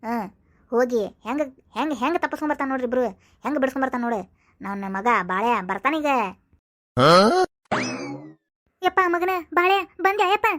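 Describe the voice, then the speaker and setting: Brief: a woman playing a chatty cartoon village mom, proud of her thieving sons, high-pitched. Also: fast, fairly bright tone, lightly acted. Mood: fretting. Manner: chatty, rambling, prodding with "aa?". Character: fussy middle-aged mother of thieving sons. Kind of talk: cartoon voice acting.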